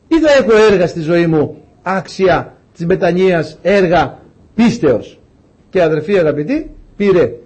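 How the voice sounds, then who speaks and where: Husky, emphatic male preacher. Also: high-pitched, darkish tone, poor audio. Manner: emphatic and rhetorical, acting out Bible stories. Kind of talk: sermon.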